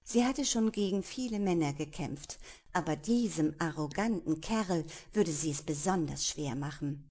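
Woman, somewhat low voice, audiobook narration, lively storytelling, some hushed drawn-out passages.

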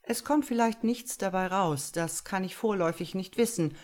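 A woman reading the part of a brisk, confident male detective, voiced lively and raised. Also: medium pitch, lightly acted.

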